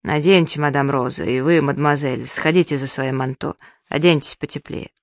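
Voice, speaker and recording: A reader voicing a gruff, mocking bearded man who speaks curtly, in an audiobook. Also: rumbling low, fairly even intonation, moderate pace, no room sound, clean studio sound. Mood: firm. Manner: curt, sneering.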